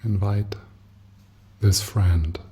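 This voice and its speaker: A man teaches a guided meditation, speaking softly and gently at an unhurried pace with long pauses. His husky voice sits low and holds a steady tone.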